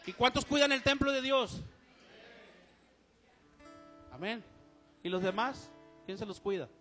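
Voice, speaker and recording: High bright Mexican preacher. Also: male voice, normal speed, soft background music. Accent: Mexican Spanish. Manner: questions the congregation and repeats amen. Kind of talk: sermon. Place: church service, live stream.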